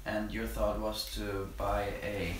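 A young man from Germany interviewing his father in a casual, relaxed way, with halting questions and fillers. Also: fairly low pitch, a little hiss or hum. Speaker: interviewer, channel host. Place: living room by a tiled stove. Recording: very echoey room from a distance.

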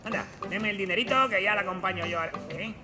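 A man's voice: sits high, fast, close to an everyday voice. A man voicing a cocky, foul-mouthed, wisecracking cartoon superhero with a mocking, theatrical delivery and a Spanish accent from Spain. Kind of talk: comic cartoon dub. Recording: cartoon soundtrack played in a hall, music.

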